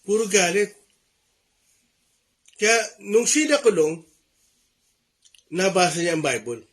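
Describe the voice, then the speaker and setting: Filipino guy preaching a sermon, kinda high voice, earnest, repeats stuff for emphasis. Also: big pitch swings, slow.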